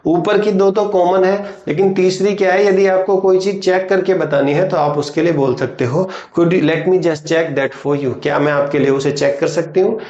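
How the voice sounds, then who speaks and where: Male teacher, lighter pitch, chatty explainer who spells out model lines slowly; somewhat muffled, reverberant recording. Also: a little mellow. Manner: slow, deliberate model phrases between chatty explanation. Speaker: English teacher. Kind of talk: explaining phrases in a recorded lesson. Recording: roomy, slightly dull recording.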